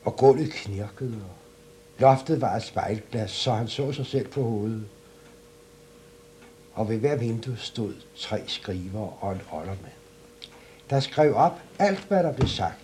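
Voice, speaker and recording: A man reading a fairy tale aloud as a storyteller, in an expressive, animated way. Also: mid-range voice, slight background noise.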